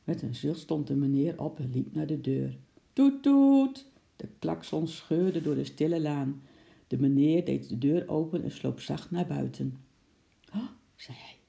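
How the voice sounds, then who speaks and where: A storyteller reading a children's story aloud in a calm, even manner. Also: mid-range voice, normal speed, vocal fry.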